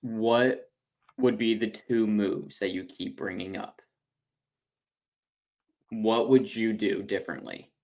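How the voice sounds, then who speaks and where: A man co-hosting a casual sports podcast, calmly steering the conversation. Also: on the low side, slow, vocal fry, long pauses. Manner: calm, steering the talk back. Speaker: podcast co-host.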